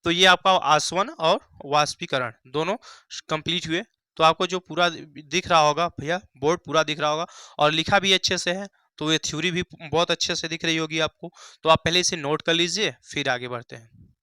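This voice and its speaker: A young man teaches a Hindi science lesson at a board, asking the class questions and answering them himself, repeating key phrases and calling students "bhaiya" and "mere bhai". His voice is fairly high, bright, forceful and smooth at a moderate pace, with no room sound.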